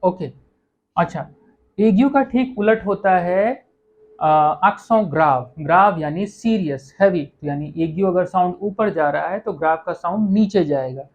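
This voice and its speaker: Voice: mid-range voice, unhurried. Teacher for a recorded language lesson: patient, explanatory, mid-range voice, slightly muffled recording. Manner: patient, repeats "okay" and corrects own slips. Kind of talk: online lesson explaining pronunciation.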